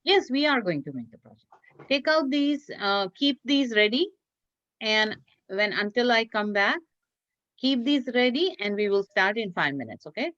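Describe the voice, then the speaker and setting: A teacher with a fairly high, lively, slightly bright voice runs a children's craft class at normal speed, giving easy step-by-step directions and cheerfully repeating them. There's no room sound, and the online class audio is dull and lo-fi.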